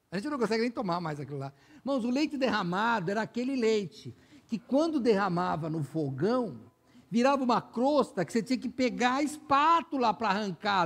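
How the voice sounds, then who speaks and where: Here a pastor with a Brazilian Portuguese accent delivers a chatty sermon, repeatedly speaking straight to his congregation. His high-sitting voice is a bit bright and carries vocal fry.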